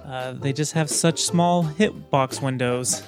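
A man's voice: medium pitch, slow pace, music in the background. A young man co-hosting a podcast, upbeat and steering the casual conversation. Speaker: podcast co-host.

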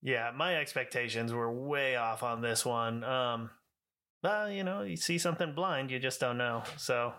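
A man's voice: medium pitch, unhurried, pushed and bright. A man co-hosting a movie review podcast, chatting casually with dry, joking asides. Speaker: podcast co-host. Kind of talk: casual chat.

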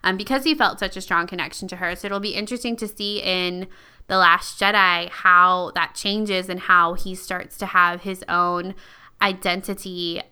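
A woman's voice: lowish voice, fairly even intonation, moderate pace, bright, forceful tone, clean tone. A young woman co-hosting a podcast, chatting casually and animatedly with lots of fillers. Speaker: podcast co-host. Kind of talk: casual fan discussion.

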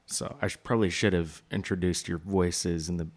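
Male podcast host, very low voice, hesitant and loose in his phrasing. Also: fairly even intonation, a little fast. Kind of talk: casual interview chat.

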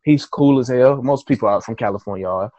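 A man's voice: medium pitch, a little fast, mellow, no room sound, lo-fi sound. A man, an author and interview guest, telling a story casually with loose, profane talk and acted-out quotes of his own thoughts.

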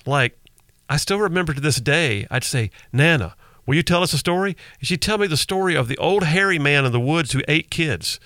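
Bright and forceful, this middle-aged man's fairly high voice is expressive and brisk, recorded close on a studio broadcast mic with no echo. He hosts talk radio, telling stories in a folksy, emphatic, conversational monologue.

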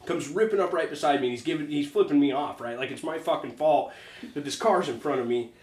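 A man's voice: fairly high pitch, fast talker, darkish tone, recorded from a distance. A man co-hosting a casual podcast chat, telling a long story with swearing and frequent "right?" checks. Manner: rambling storyteller, swears, says "right?" often. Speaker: podcast co-host. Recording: echoey room, off mic.

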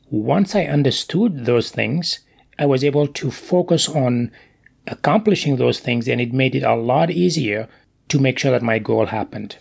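Gravelly, husky male motivational host. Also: medium pitch. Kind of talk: motivational monologue.

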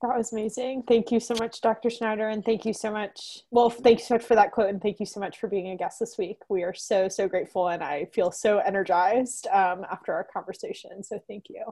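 A woman's voice: mid-range voice, steady tone, a little fast, hardly any pauses, mellow, slightly rough. A young woman co-hosting a podcast, bubbly and effusive as she thanks her guest. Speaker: podcast co-host. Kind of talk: podcast interview.

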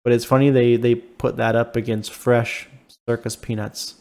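A man's voice: medium pitch, level tone, moderate pace, a little mellow. Hesitant male podcast co-host. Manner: hesitant, full of "like" and "um". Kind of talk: casual chat.

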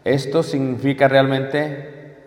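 Slow-talking man lecturing in an echoey hall. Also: mid-range voice, flat delivery, darkish tone. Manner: explains step by step, checks in with listeners. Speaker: teacher of biblical Hebrew. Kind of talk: classroom lecture. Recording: long hall reverb.

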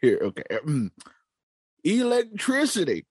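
A cranky old gold prospector, put on by a comedy podcast host, drawling slowly and grandly. His pitch swings widely as he brags and clears his throat. The sound is dry and close. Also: huge pitch swings, darkish tone, dry recording, full character voice. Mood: boastful. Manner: slow, drawling, self-important, with throat-clearing. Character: boastful old male prospector, cantankerous. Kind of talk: improvised comedy bit.

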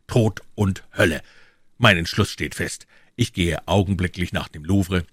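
A man voicing a stern, commanding captain of the guard in an audiobook, gruff in manner. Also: low voice, unhurried, a bit bright, dry recording, studio quality.

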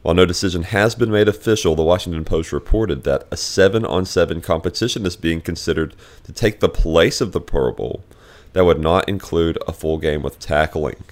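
A man hosting a casual sports podcast, reading news items and chatting with dry teasing, recorded as a low quality stream away from his usual studio. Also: brisk. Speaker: podcast host. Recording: low quality stream, improvised holiday setup.

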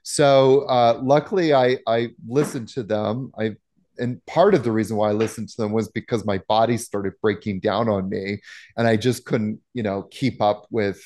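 A man's voice: on the low side, steady tone, moderate pace, a little mellow. A middle-aged man, a yoga teacher, speaking emphatically and bluntly in a casual interview, with many fillers.

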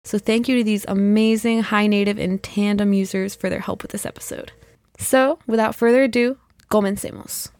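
A woman's voice: mid-range voice, steady tone, normal speed, darkish tone, dry recording. A young woman hosting a podcast, chatty and enthusiastic as she explains. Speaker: podcast host.

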